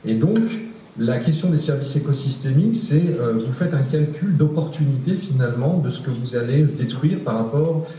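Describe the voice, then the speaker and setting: A man's voice: medium pitch, animated, normal speed, dark tone, slight background noise. A male researcher answering a question in a panel discussion, hesitant, with many fillers and repeated words. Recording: distant, echoey, dull room recording.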